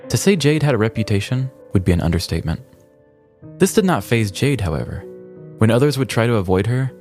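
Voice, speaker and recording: A man with a lowish, darkish voice hosts a podcast. He reads scripted comedic narration in a tongue-in-cheek, mock-dramatic storytelling manner.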